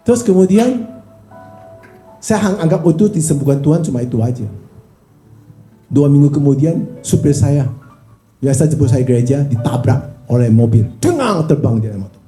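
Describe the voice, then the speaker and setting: A man preaching as a pastor, telling his testimony in an animated, casual way, with slangy speech. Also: a little high, normal speed, long pauses. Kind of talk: testimony sermon. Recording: echoey hall, faint instrument music.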